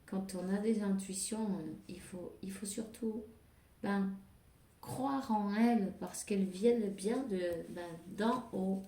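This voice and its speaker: A woman's voice: medium pitch, takes it slowly, mellow. A woman doing a casual spiritual card reading, hesitant with many fillers and restarts. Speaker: tarot card reader. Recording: echoey room.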